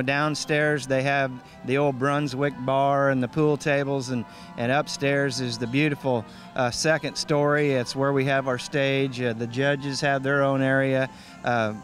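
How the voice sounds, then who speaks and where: A man's voice: medium pitch, level tone, unhurried, a bit bright, soft background music. A man with a folksy, easygoing manner, speaking casually as an interview guest who organizes and emcees events.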